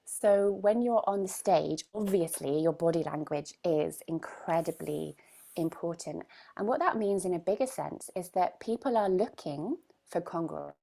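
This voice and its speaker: Slow, gravelly-voiced woman coach. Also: fairly low pitch, mellow. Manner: coaching, emphatic, checks in with "right?". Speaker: voice and speaking coach. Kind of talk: live online coaching session. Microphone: video call.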